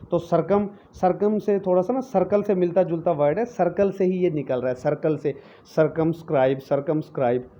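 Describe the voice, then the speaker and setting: A man gives a recorded vocabulary lecture, going over each word again and again and checking in with his students often. His voice sits a little high for a man. The recording is dull and lo-fi, with faint noise underneath. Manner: explains words slowly with many repetitions and "theek hai" check-ins. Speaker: English vocabulary teacher.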